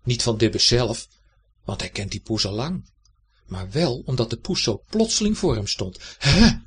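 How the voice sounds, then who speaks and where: A man reading a children's story aloud in a gentle, playful storytelling manner. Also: medium pitch, very animated, moderate pace, breathy edge.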